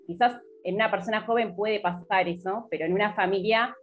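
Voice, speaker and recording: Argentine woman, 40s, podcast guest on a laptop mic, steady storyteller, faint music under. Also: medium pitch, brisk. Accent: Buenos Aires Argentine. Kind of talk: casual video-call interview. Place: home room.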